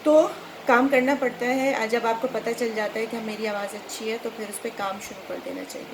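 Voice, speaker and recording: A middle-aged Pakistani woman, a voice-over artist and trainer, hosts a casual explanatory chat for viewers, mixing in English words. Her voice is a little high with fairly even intonation and a fairly quick pace. The background is clearly noisy.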